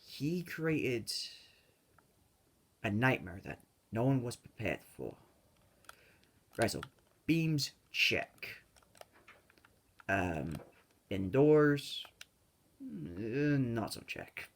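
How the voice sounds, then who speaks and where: A man's voice: medium pitch, big pitch swings, extremely slow, creaky, pauses often. A man giving casual, rambling commentary over his own gameplay, joking and correcting himself as he goes. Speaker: gaming video creator. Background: keyboard and mouse clicks.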